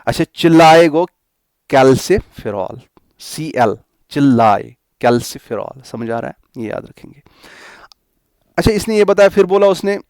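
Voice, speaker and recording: A man's voice: fairly high pitch, animated, a little mellow, smooth, no room sound, studio quality. A young male teacher coaching students for exams, who repeats and spells out memory tricks step by step. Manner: repeats mnemonics slowly, spelling letters out. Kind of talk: exam coaching lecture.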